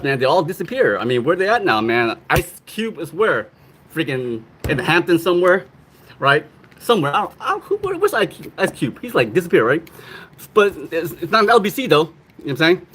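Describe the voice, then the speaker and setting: Husky young man chatting on a livestream. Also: fairly high pitch, a bit bright. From Long Beach, California. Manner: loose slangy storytelling, frequent laughs. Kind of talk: casual livestream chat.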